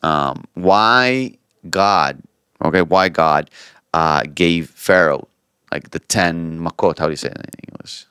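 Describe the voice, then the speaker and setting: A young man, co-hosting a casual podcast chat, animated and repeating words as he talks. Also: sits low, slow, smooth, no room sound, studio quality. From Israel. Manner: animated, does playful voices, stumbles and repeats words. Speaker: podcast co-host.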